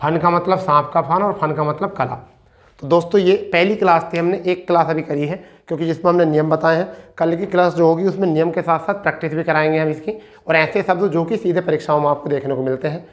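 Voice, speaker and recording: A male teacher leads an online exam-prep lesson on spelling. His voice sits a little high, and he repeats every point. He poses questions to his students and answers them himself. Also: steady tone, quick pace. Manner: repetitive, asks and answers own questions; addresses students as beta.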